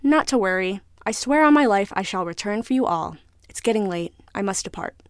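A woman's voice: medium pitch, expressive, brisk, dry recording, studio quality, natural voice. A woman voicing a logical, proud male cod who talks in a raised, formal, emphatic way. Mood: assured.

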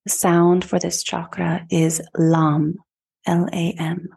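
A woman podcast host and yoga teacher leading a guided meditation in a slow, soothing, calm way. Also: lowish voice, creaky, husky.

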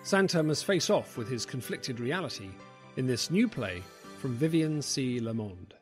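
A man's voice: mid-range voice, lively intonation, moderate pace. A man announcing a radio drama in a scripted, dramatic show-introduction style. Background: music.

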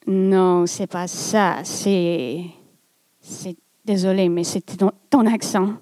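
A man's voice: sits high, fairly even intonation, takes it slowly, darkish tone, no room sound, voice pushed down. A woman voicing a young man from Quebec, an old university friend who speaks plainly and teases, in a Quebec French accent, told in a live stage story.

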